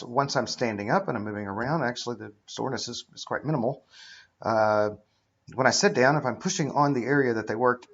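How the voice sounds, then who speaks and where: A middle-aged man talks casually and haltingly, explaining things in a plain, matter-of-fact manner as a patient would. His voice has an ordinary medium pitch. The sound is dull and lo-fi, like a webcam microphone in a living room. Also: vocal fry. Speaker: patient recounting his own surgery. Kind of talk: casual explanatory vlog monologue. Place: indoors, living room with high ceiling.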